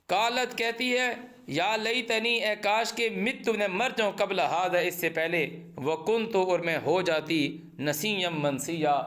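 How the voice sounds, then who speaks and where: A man with a high, somewhat bright voice teaches a word-by-word Quran translation lesson. He recites each Arabic phrase, explains it in Urdu, and raises questions and comments about printed translations.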